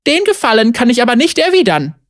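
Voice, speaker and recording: A storybook narrator voicing Zeri, a bold, quick-witted young woman with a cheeky, teasing manner, in a dry, close recording. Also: medium pitch, sing-song, dry recording, pitched above the performer's own voice, close to an everyday voice.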